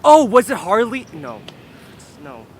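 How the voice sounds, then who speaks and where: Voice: medium pitch, big pitch swings, unhurried. An actor playing an anxious, bewildered little boy in an indie film, hesitant and questioning. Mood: muddled. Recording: noisy film location sound.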